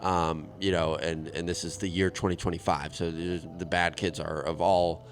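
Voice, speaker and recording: A man's voice: deep voice, level tone, normal speed, faint music behind. A man hosting a comedy podcast from home, riffing in a rambling, profane monologue. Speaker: podcast host.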